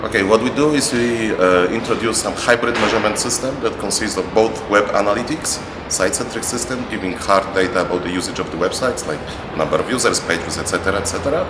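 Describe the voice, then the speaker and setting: A deep-voiced man in his forties with a Polish accent speaks earnestly, pausing often to search for words. He sounds like he is standing in a large hall, with a long echo and steady background ambience. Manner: earnest, hesitant with frequent fillers. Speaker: interviewee, research company representative. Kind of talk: conference interview. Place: large indoor banquet hall. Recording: echoey hall with room noise.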